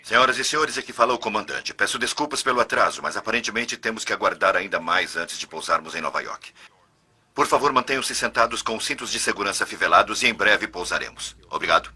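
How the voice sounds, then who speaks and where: An actor playing a calm airline captain, making a formal announcement from the cockpit over the cabin speakers, heard from a distance. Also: male voice, on the low side, quick pace, husky, exaggerated voice. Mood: composed. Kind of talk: dubbed documentary reenactment.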